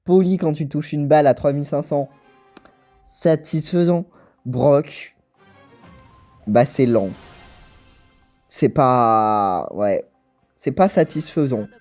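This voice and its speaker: Mellow-voiced stammering young gamer man. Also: medium pitch, slow pace, pauses often, faint music behind. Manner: rambling, stammers and repeats words. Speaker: gaming channel host. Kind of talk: casual gameplay commentary.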